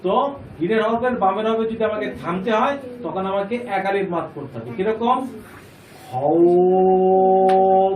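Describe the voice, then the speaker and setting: Speaking fairly quickly in a high, expressive voice, a man leads a Quran reading lesson, patiently going over each point again and quizzing the class. The phone-quality audio picks up crowd noise, faint noise, and an echoey room from a distant mic.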